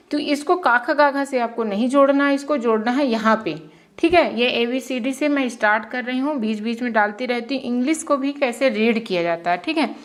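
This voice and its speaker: A woman teaching English pronunciation at a whiteboard, often asking a question and answering it herself and repeating sounds slowly. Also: sits high. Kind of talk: whiteboard lesson in Hindi. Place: classroom with whiteboard.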